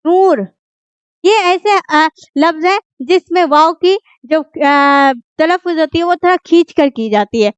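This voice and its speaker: A woman's voice: high voice, no room sound. A woman teaching a grammar lesson, who keeps asking the class questions and then answers them herself. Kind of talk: grammar lesson explained at a board.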